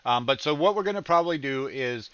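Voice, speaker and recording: A man's voice: mid-range voice, animated, fast, a bit bright, smooth, dry recording, lo-fi sound. Rambling man chatting on a livestream. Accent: slight Southern American. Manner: rambling, many ums and restarts, laughs easily. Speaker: reaction streamer host. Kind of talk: casual livestream chat.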